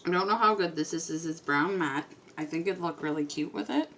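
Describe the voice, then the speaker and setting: Doing her makeup at home, this beauty vlogger talks in a brisk, low voice, rambling a little and chatting casually with occasional quiet moments. Some slight background noise can be heard.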